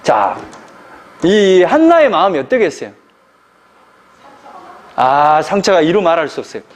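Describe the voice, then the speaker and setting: A man preaching an expository sermon as pastor, animated, asking the congregation rhetorical questions. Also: on the high side, a little slow.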